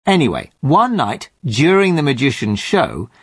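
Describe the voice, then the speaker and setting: Man, show regular telling jokes, playful pauses, lively pitch, dry sound. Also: husky, no echo. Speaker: regular joke teller. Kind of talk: scripted joke telling.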